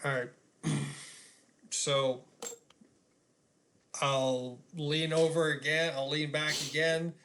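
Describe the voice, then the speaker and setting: A man playing a tabletop game, narrating his character's actions in an animated way. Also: fairly high pitch, takes it slowly, long pauses, a little hiss or hum. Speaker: player.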